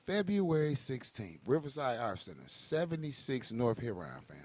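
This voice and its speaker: A man co-hosting a casual podcast chat, brash and joking, breaking into high-pitched laughing bursts. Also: sing-song, normal speed, darkish tone. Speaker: podcast co-host. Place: Ann Arbor area, Michigan.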